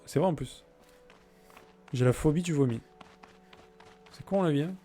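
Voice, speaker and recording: A man's voice: on the high side, moderate pace, mellow, soft background music. A man chatting casually and jokingly while streaming a game, answering his viewers' messages. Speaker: let's play streamer. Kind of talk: casual gameplay chat with viewers.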